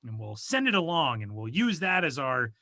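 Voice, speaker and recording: Here a male co-host with a medium-pitched voice that swings widely talks at normal speed, pushed and bright, with no room sound. Rambling and self-deprecating, he jokes through a casual podcast chat from a soundproofed closet studio, using a home studio mic over video call.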